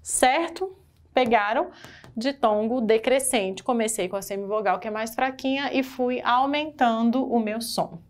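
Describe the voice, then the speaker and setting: Lively Brazilian woman teaching grammar. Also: fairly high pitch, measured pace. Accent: Brazilian Portuguese. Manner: lively, asks the class questions. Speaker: Portuguese-language teacher. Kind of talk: exam-prep grammar lesson.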